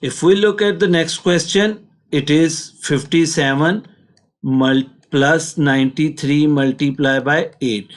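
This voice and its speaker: Man, Pakistani accent, fairly high pitch, teacher, step-by-step lesson delivery, patient instructional manner. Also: fairly even intonation, takes it slowly. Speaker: maths teacher.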